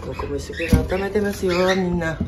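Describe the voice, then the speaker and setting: A woman who breeds cockatiels, from Hokkaido, Japan, chatting casually as she checks nest boxes and coos gently to her birds. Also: fairly low pitch, a little fast. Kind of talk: casual vlog narration. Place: indoor bird room. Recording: loud music behind.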